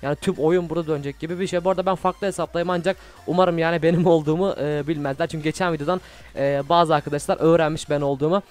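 A young man commentating his own video game play, excitable and easily frustrated, swearing often. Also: a little high, racing, faint music behind. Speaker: gaming YouTuber. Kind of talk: Minecraft gameplay commentary.

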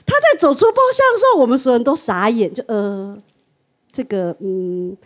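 A woman's voice: on the high side, moderate pace. A woman on a TV talk show panel telling a story and acting out the people in it. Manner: animated storyteller, acts out quoted friends. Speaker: panel guest. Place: TV studio.

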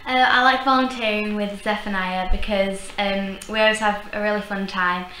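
A teenage girl who volunteers, answering interview questions calmly from a sofa with some hesitation. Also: mid-range voice, normal speed, a little hiss or hum. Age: teens. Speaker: former pupil and volunteer. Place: room with a leather sofa. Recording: echoey room.

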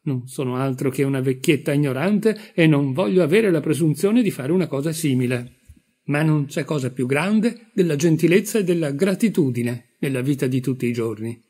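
A man's voice: on the high side, animated, normal speed, dark tone, slightly rough. A man reading aloud, voicing an anxious elderly aunt hosting a dinner, his voice raised and flustered. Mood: earnest. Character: fussy elderly Irish aunt, anxious hostess.

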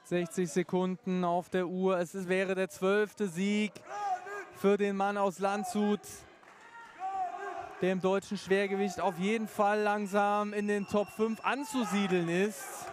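High-pitched male boxing commentator. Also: level tone, unhurried, hardly any pauses, noisy background. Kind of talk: live sports commentary.

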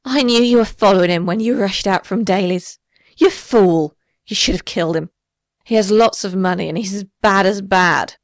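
A haggard, bitter woman of the streets, as a male reader puts her on, her voice pushed far up in pitch and loud. She sneers and whines in a dry, close sound. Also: normal speed, dry recording. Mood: bitter pleading. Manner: hissing, sneering, whining.

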